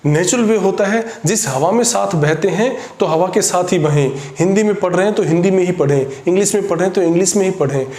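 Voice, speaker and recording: A male teacher giving an exam-prep lecture that mixes Hindi and English, explaining each point and then repeating it in Hindi, with his English phrases spoken slowly. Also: high-pitched, darkish tone. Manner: slows right down for English phrases. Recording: echoey room.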